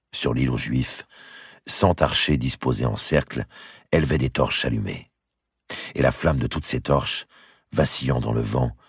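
Un homme qui lit un roman historique en livre audio, avec une narration expressive. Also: male voice, a bass voice, husky, no echo, clean studio sound. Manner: expressive storytelling. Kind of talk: audiobook reading.

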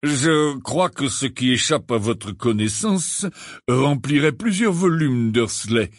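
A man voicing a gruff, grizzled old male auror who growls his words slowly. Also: lively intonation, no room sound, clean studio sound. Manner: growling, slow and low.

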